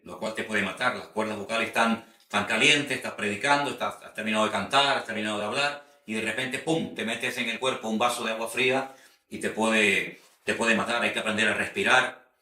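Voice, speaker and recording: A male preacher gives an earnest teaching talk and often repeats a phrase to press a point home. His voice sits at a middle pitch. It carries a roomy echo, as if he stands some way from the mic. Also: a bit bright, far from the mic. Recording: roomy echo, speaker set back from the mic.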